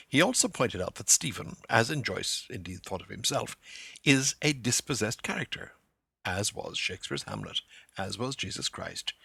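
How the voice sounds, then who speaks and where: A man hosts a literary lecture podcast with a low, raspy, gravelly voice and a bright, forceful edge. His delivery is animated and swings widely in pitch, now and then breaking into loud acted quotations. The sound is close and dry. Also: no room sound. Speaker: podcast host.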